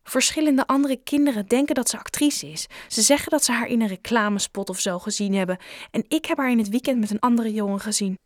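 Hurt chubby schoolboy voiced by a woman, high pleading voice, dry close sound, children's audiobook. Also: fast, no echo, lightly acted. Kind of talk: audiobook character voice.

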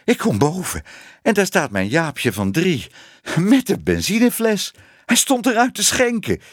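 A man voicing a flustered, excitable baker's wife who talks breathlessly. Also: medium pitch, moderate pace, no room sound, clean studio sound.

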